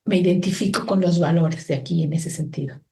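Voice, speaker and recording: A woman's voice: on the low side, a little fast, creaky, dark tone. A middle-aged woman from Mexico with a Mexican Spanish accent, talking through her thoughts as an interview guest, with many restarts and fillers. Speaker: guest, organization founder. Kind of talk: reflective interview conversation.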